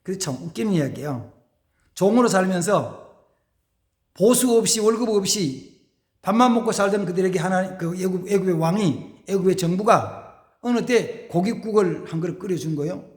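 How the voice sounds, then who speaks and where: A man's voice: sits high, expressive, moderate pace, roomy sound. A male pastor delivering a dramatic sermon, acting out the voices of biblical figures as he preaches.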